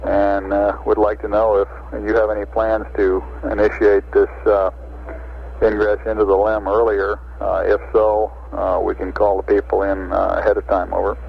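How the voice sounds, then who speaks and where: An American man working as a spaceflight communicator, speaking in a halting, businesslike way over an old space radio link. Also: on the low side, flat delivery, gravelly. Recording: muffled, noisy 1960s space radio link.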